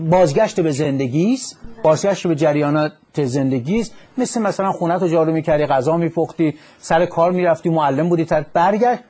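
A male psychologist on a radio call-in show, speaking in a calm, instructive way and now and then quoting verse. His voice is slightly higher than most men's and has a husky grain.

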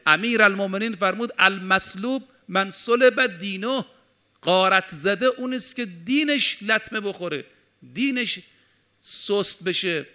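A man delivers a sermon, his voice sitting high and sounding sharp and bright. He moves between calm explanation and emphatic, ringing peaks, often reciting Arabic sayings slowly before restating them. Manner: preaching with Arabic quotations, rising to emphatic peaks. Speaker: cleric.

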